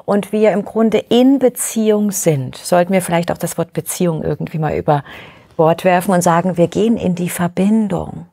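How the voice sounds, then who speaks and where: A woman interviewer with a low, gravelly voice full of fry. She asks long, reflective questions and thinks aloud as she talks. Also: normal speed, warm tone.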